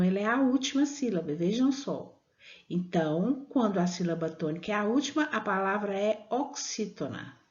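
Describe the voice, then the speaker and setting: A woman teaching a lesson to young children at a very slow, careful pace. She stretches out the words she uses as examples, and her voice sits at a middle pitch. The recording sounds dull and lo-fi. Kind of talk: slow classroom explanation for children.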